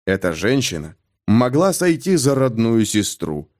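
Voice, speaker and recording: Male audiobook narrator, dramatic thriller reading, lively rising-and-falling pitch. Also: measured pace. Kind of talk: scripted narration.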